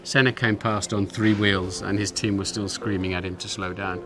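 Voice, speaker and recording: A former racing driver recalling a race in a matter-of-fact documentary interview. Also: male voice, fairly low pitch, flat delivery, unhurried.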